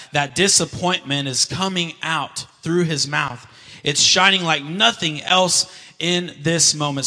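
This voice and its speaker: A man preaching a sermon as pastor, earnest, swelling to near shouts for scripture and dropping low and quiet for emphasis. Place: church. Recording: long reverb of a church hall.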